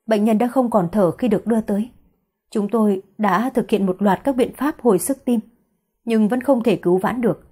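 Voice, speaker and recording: A woman's voice: mid-range voice, normal speed, mellow, husky, natural voice. A woman reading a male surgeon who delivers bad news in a somber, formal way in an audiobook.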